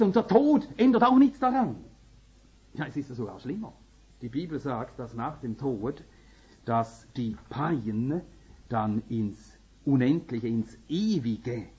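A middle-aged or older Finnish man, a native Swedish speaker with a Finland-Swedish accent, preaches a sermon earnestly and emphatically, rising to urgent peaks. His voice is fairly high and darkish with a breathy edge, captured on a slightly dull lo-fi recording.

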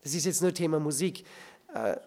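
A man's voice: fairly high pitch, expressive, moderate pace, mellow. A man giving a church teaching, often asking his listeners rhetorical questions. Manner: asks the audience rhetorical questions. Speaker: preacher. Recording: reverberant hall.

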